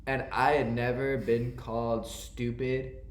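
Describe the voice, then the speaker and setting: Male podcast co-host, playful needler, animated and mock-indignant, roomy sound. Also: medium pitch, measured pace. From New York. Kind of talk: casual podcast banter. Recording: roomy echo.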